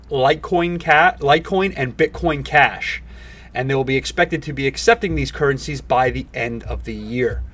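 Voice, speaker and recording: A man hosting a casual podcast with enthusiastic crypto-bro talk, halting and repeating himself with plenty of filler words. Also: a little high, recorded from a distance. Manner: halting, repetitive, filler-heavy delivery. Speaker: podcast host.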